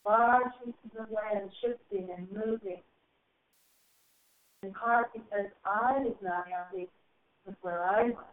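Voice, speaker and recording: A woman channeling a spiritual message to a group, speaking in slow, solemn, drawn-out phrases that swell and soar, heard over a phone call. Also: mid-range voice, fairly even intonation. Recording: tinny phone line.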